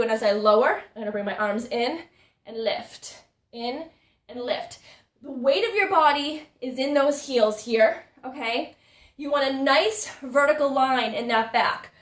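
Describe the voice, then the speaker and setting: A woman fitness instructor leads a live-streamed workout, upbeat and a little out of breath as she chats with viewers. Her voice sits high and a bit bright, heard from a distance in an echoey room.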